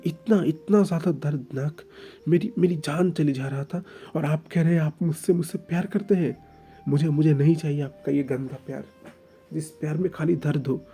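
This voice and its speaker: A man's voice: fairly high pitch, gravelly, warm tone, pitched above the performer's own voice. Guy putting on a crying young man, voice pushed up, stuttering every other word. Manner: stammering, tearful, repeats words. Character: young man sobbing, hurt and pleading.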